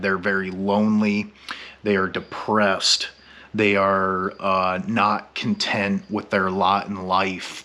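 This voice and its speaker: A drunk man rambling through a blunt, profane vlog monologue, halting and meandering, stammering over his words. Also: on the low side, sharp tone. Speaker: YouTube vlogger.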